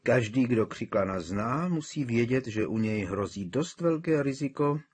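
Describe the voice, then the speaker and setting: Man doing a stuffy-voiced clever teen girl, dry, knowing, husky. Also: medium pitch, animated, voice pushed up. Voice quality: stuffy, as if with a cold. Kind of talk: audiobook character voice.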